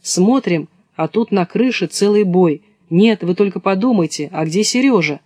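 A man's voice: high-pitched, animated, moderate pace, mellow, no echo, clean studio sound. Man doing a hearty ship captain. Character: cheerful male ship captain, a father.

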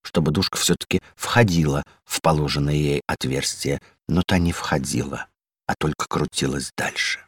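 A man narrates a storybook tale in a wry, measured way. His voice is low but moves a lot in pitch. The recording is dry and close. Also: a little mellow, dry recording.

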